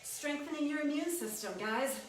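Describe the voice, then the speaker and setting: A woman's voice: high voice, normal speed. A woman leading a workout as an aerobics instructor, giving short encouraging cues and counts. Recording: echoey room, distant mic, music behind. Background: workout music.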